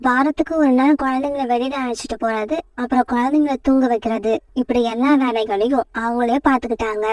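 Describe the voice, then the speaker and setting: A woman narrates a children's cartoon story in a steady, even manner. Her voice is fairly high, and the recording is dry, with the mic set slightly back. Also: dry recording, recorded from a distance.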